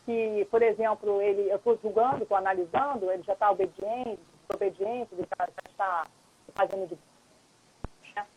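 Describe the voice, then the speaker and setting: A woman's voice: medium pitch, fairly even intonation, moderate pace, darkish tone, slightly rough. A woman lawyer and mediator, a guest on a live stream, explaining patiently in a casual chat and often checking in with the listener. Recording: dull lo-fi live-stream audio, dry.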